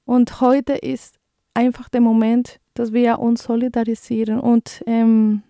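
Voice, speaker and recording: A woman of around forty from Colombia, speaking German with a Colombian Spanish accent as a non-native speaker. She hosts a radio show in a halting, earnest way and reads out news. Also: on the high side, level tone, warm tone, no room sound, studio quality. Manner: halting, searching for words, earnest. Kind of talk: radio moderation with read news.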